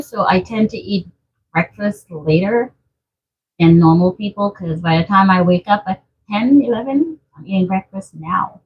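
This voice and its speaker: Her husky, medium-pitched voice comes through lo-fi audio as she hosts a live stream at home. With a Trinidadian accent, the woman chats playfully, reads out comments from viewers, and keeps breaking into laughter.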